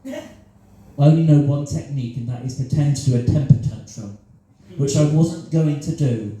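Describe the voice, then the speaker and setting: Cornish man, dark and self-mocking. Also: a little high, moderate pace. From Cornwall. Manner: self-deprecating, chuckles at his own jokes. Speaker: improv comedian. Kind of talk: solo improvised stand-up storytelling. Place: small live comedy venue with audience. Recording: echoey live room.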